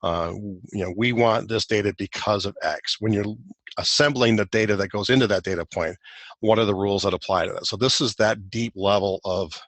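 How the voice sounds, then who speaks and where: A man's voice: fairly low pitch, a little fast, fairly bright tone, dry recording. A man presenting a technical guide in a recorded webinar walk-through, explaining loosely with many fillers and restarts.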